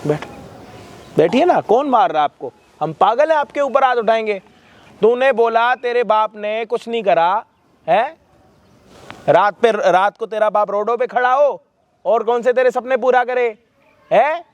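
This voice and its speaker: High-voiced man scolding harshly. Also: a little slow. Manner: harsh, rebuking, swears freely. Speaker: vlog host confronting a son. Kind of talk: staged confrontation, scolding.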